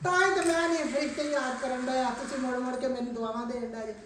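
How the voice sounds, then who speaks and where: A middle-aged woman with a Pakistani Punjabi accent chats casually with family in a high voice. She sounds a little away from the mic in an echoey room. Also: steady tone, fast, distant mic, slight background noise.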